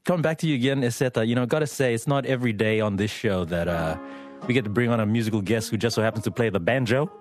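A man hosting a radio interview, talking in a relaxed, chatty way with casual slang. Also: medium pitch, fast, soft background music. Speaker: radio host.

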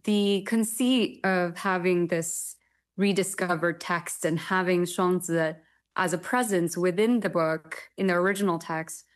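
A young woman from Taiwan talks about her translation work in an interview, in a fairly low voice. She answers thoughtfully and often pauses with hesitant fillers. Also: steady tone. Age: young adult. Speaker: literary translator.

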